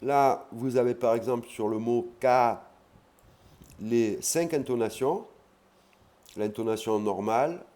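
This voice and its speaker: A man teaching an online language lesson, explaining patiently and repeating key words slowly. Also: on the low side, dark tone.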